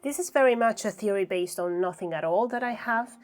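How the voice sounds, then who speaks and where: A woman's voice: medium pitch, brisk, faint music behind. A woman chatting casually and reflectively to camera while she does crafts, thinking aloud as she goes. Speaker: craft vlogger.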